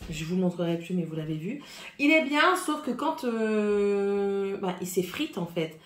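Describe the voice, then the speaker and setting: A woman's voice: mid-range voice, lively intonation, measured pace. Chatty woman reviewing makeup, echoey room. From France. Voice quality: says her voice is rough and husky today. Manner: chatty, hesitant, many fillers, shows products. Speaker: beauty vlogger. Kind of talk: casual makeup review to camera.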